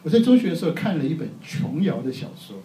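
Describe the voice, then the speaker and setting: This fast-talking Taiwanese preacher, middle-aged, keeps his sermon light with self-mocking jokes and frequent laughter. His fairly high voice sounds mellow, and a distant mic captures the echo of a large hall along with faint background noise.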